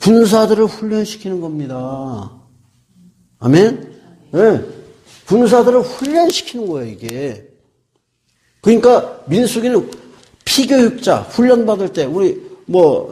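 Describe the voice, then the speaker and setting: Brief: middle-aged male pastor, sermon delivery, somewhat high voice, rhetorical questions answered himself, repeats key words. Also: mellow. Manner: asks the congregation questions and answers them himself.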